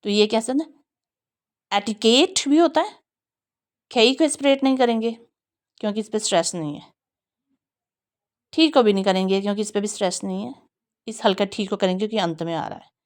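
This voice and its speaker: A woman teaching English pronunciation, who says each word slowly many times over and explains the stress patiently. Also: mid-range voice. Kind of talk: pronunciation lesson with slow repeated drills.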